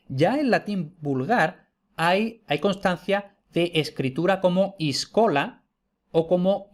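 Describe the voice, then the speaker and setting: A man from teaching historical grammar in an informal online lecture, explaining patiently, repeating key points and checking in with his listeners. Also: fairly high pitch.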